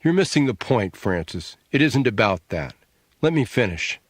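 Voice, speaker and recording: A man voicing an earnest, quietly pious younger brother who speaks in a subdued, solemn way, in an audiobook. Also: mid-range voice, very animated, moderate pace, no echo.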